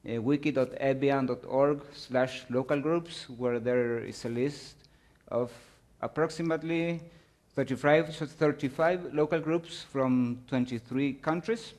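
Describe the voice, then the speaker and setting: A man giving a technical presentation with slides, speaking in a halting way and often searching for words. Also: medium pitch, darkish tone. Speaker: conference presenter.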